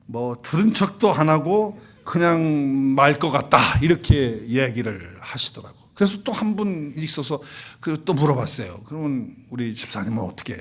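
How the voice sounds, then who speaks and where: A man's voice: fairly high pitch, lively intonation, moderate pace, few pauses, husky. A male pastor preaching a Sunday sermon in a church, asking the congregation questions and acting out quoted couples. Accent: Korean. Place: church sanctuary.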